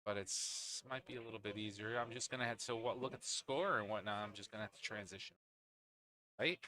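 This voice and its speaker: A man's voice: fairly low pitch, fast talker, pushed and bright. A man calling a pool league match live, chatting with his co-commentator between shots. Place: indoors at a pool league venue.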